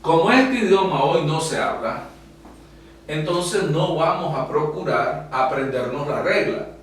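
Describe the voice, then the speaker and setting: A man teaching a class, explaining slowly with frequent pauses and fillers at a whiteboard. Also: on the high side, animated. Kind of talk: classroom lecture. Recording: echoey room from far off, faint hum.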